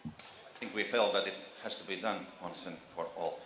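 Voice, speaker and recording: A man's voice: low voice, fairly even intonation, normal speed, fairly bright tone, roomy sound, slight background noise. A man in his fifties from Latvia, a champion athlete answering post-match interview questions hesitantly, repeating words. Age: 50s.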